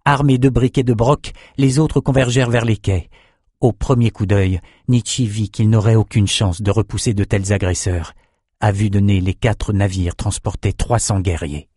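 A man narrating a fantasy story in an even, measured way. His voice sits low, and the recording is dry and close. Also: husky, dry recording. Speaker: audiobook narrator.

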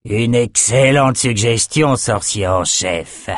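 Man doing a slow, menacing beast trainer. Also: medium pitch, no echo, studio quality, natural voice. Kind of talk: audiobook character voice.

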